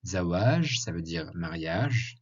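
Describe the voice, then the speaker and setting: A man with a very low voice talks slowly through a slide lesson, pausing often with filler sounds as he explains each letter. The recording is dull and lo-fi, as if made on a basic computer microphone. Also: steady tone, warm tone. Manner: slow, hesitant, many filler sounds. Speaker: Arabic teacher.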